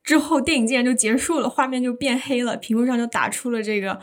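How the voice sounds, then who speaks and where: A woman in casual podcast talk with a slightly high voice, recorded on a podcast microphone. She retells a scene eagerly and expressively. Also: fast. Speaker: podcast guest. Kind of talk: casual film discussion.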